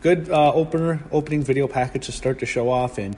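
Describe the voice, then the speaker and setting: A man giving a casual solo review of a wrestling show, rambling and excitable, swearing when annoyed. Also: medium pitch, brisk. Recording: long room reverb with faint background noise.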